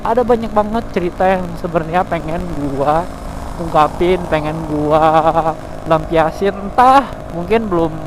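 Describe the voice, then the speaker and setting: A man, chatting candidly and rambling from the heart while riding a motorbike at night. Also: fairly high pitch. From Cianjur, West Java. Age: 20s. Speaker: vlogger. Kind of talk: casual confessional chat while riding at night. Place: outdoors on a motorbike at night in town traffic. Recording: loud road and traffic noise.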